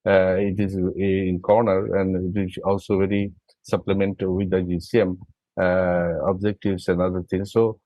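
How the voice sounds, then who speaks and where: A man from Bangladesh, a migrant rights advocate, speaking haltingly with many fillers in an online meeting. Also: sits low, little pitch movement, warm tone, no echo, poor audio.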